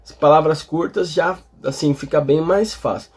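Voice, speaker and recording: A Portuguese-speaking man explaining English vowel pronunciation, talking slowly with many fillers and tag questions. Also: on the high side, a little mellow, breathy edge. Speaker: English teacher. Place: in front of a display board.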